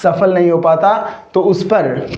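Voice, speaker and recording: The same high-voiced teacher, his tone somewhat dark, teaches vocabulary in an echoey classroom. Calling his students companions, he fires off rhetorical questions nonstop and slowly stretches out spellings and examples, all captured in roomy, slightly dull audio.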